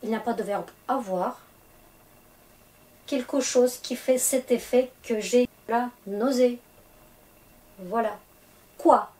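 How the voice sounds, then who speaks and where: Slow, patient woman teaching a language. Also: on the high side, poor audio. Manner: slow, patient explaining with frequent hesitations. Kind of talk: explaining grammar to French learners.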